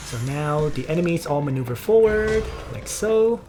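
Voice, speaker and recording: A woman with a low voice gives casual gameplay commentary, talking through each move step by step. Her delivery is relaxed yet lively in pitch. Faint game music plays behind her. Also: moderate pace. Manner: relaxed, explains strategy step by step. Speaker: game video player.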